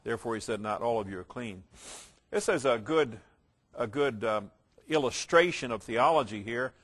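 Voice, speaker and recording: A man teaching through a Bible passage verse by verse. He reads the text aloud with rising emphasis, then drops into quieter asides to explain it, sometimes stumbling and restarting a phrase. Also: mid-range voice, expressive, normal speed.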